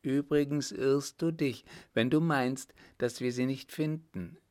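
A man doing a higher-pitched, threatening henchman. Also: measured pace, darkish tone, close to an everyday voice. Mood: curt. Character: harsh male accomplice officer, threatening.

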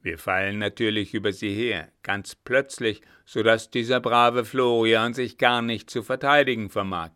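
A man voicing a scheming male captain who speaks gruffly and mocks his captives, a little lower and louder than his narration. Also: fairly even intonation, moderate pace, few pauses. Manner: gruff, mocking.

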